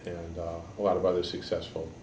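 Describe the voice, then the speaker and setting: A man in his sixties from Connecticut, a political candidate giving halting, measured answers in an editorial board interview. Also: sits low, completely flat delivery. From Connecticut, USA. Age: 60s. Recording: echoey room, mic far off, background noise.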